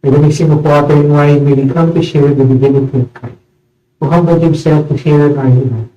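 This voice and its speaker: A man with a very soft, dark voice leads communion as a priest in an echoing church. He recites the liturgy solemnly, phrase by phrase. The sound is muffled and picked up from a distance, with a cathedral-like echo. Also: on the high side, steady tone. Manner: solemn, measured phrasing in short pauses. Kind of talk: liturgical recitation of a eucharistic prayer. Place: large reverberant indoor church space.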